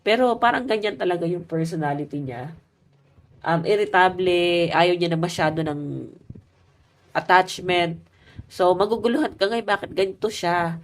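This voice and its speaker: A woman's voice: fairly low pitch, moderate pace, long pauses. A woman giving a casual love tarot reading, chatty and talking straight to her viewers, her voice stuffy and nasal from a cold. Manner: chatty, addresses viewers as guys. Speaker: tarot reader.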